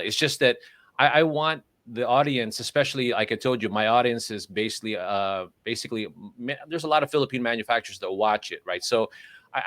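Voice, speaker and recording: A man's voice: medium pitch, fairly bright tone, no room sound. Male livestream host, dry close sound, meandering questions. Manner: rambling, halting questions with many restarts. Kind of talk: casual interview conversation. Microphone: livestream call microphone.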